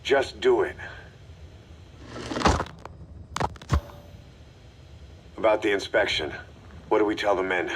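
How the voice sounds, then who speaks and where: An actor playing a gruff mercenary leader in a video game, giving a grave, terse, commanding briefing. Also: male voice, lowish voice, a little fast, background noise, lightly acted. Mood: stern. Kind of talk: video game voice acting, mission briefing dialogue.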